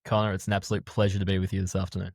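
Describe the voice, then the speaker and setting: Aussie guy on a podcast, low-ish voice, steady explainer, dry mic. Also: dry recording. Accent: Australian. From Australia. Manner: explanatory, measured. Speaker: guest. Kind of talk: podcast interview.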